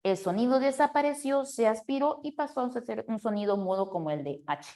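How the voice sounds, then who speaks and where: A woman teacher with a fairly high voice guides a class through exercises. She explains step by step and often stops to check that the students follow. Her manner is lively and full of questions. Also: a little fast. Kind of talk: classroom lecture.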